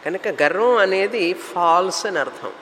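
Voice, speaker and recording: High-voiced man giving a spiritual talk. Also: unhurried, fairly bright tone, big-room sound, a little hiss or hum, low-quality recording. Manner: explanatory, lists terms in runs, mixes English words. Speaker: spiritual teacher. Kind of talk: spiritual discourse.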